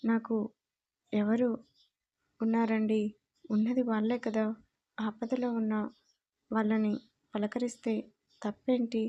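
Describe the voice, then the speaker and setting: A woman's voice: fairly high pitch, little pitch movement, takes it slowly, pauses often, dark tone, highs cut off. A woman voicing a timid, tearful young wife who pleads earnestly in a storybook reading. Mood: pleading.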